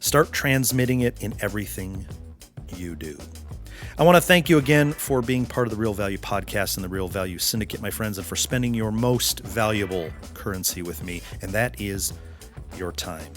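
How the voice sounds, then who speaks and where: A male podcast host giving an earnest, preachy motivational monologue in slow, deliberate phrases. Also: lowish voice, expressive, soft background music.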